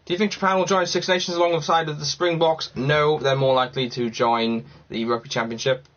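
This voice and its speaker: A man from Cardiff, Wales, hosts a casual livestream, chatting, rambling and thinking aloud as he answers viewer comments. His voice is on the high side and steady, with a brisk pace and a fairly bright tone. The lo-fi recording sounds slightly dull.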